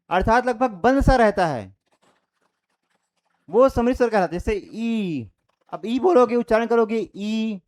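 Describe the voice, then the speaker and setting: A young man teaching an online Hindi grammar lesson, explaining step by step and demonstrating vowel sounds aloud. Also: high voice. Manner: explains step by step with repeated checks.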